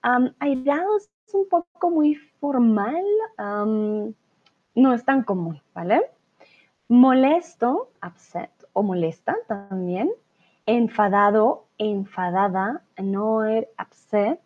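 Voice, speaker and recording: A woman's voice: a little high, lively intonation. A woman with a Colombian accent teaching a live online Spanish lesson, patiently explaining and often checking in with her students. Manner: patient, explains slowly with frequent "¿vale?" check-ins. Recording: tinny phone-like audio.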